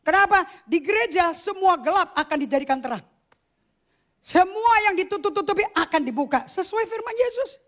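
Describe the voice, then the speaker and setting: Woman pastor, very high voice, animated, emphatic sermon, slips in English phrases. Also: moderate pace.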